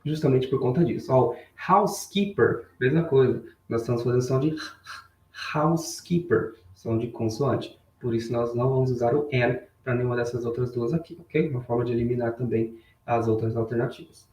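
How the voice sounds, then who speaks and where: A man's voice: medium pitch, a little mellow. Man teaching English, roomy distant mic. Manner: bilingual, repeats English phrases slowly for learners; chatty, greets chat viewers by name. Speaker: English teacher on a live stream. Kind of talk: live online English lesson. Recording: roomy sound, mic a bit far off.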